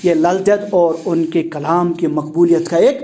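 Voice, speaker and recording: A man's voice: fairly high pitch, fairly even intonation, warm tone. A man teaching a class, explaining word meanings and quizzing students with questions. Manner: asks the class questions and repeats key words; explains word meanings, mixing in English terms. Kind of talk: classroom lecture explaining a text.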